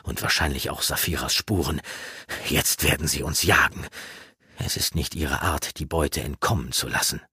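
A man voicing a stern, gruff old male mentor giving commands in a fantasy audiobook. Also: a bass voice, moderate pace, pushed and bright, no echo, studio quality, voice pushed down, heavily acted. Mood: grim.

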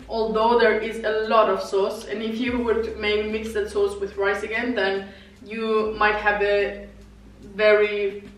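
A young woman from Vienna chatting casually as she tastes and reviews vegan dishes, giggling often. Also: medium pitch. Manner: chatty, giggly, tastes food while talking. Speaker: vlogger reviewing vegan food. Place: living room with wicker sofa, indoors. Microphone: far camera. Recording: echoey room, voice from far off.

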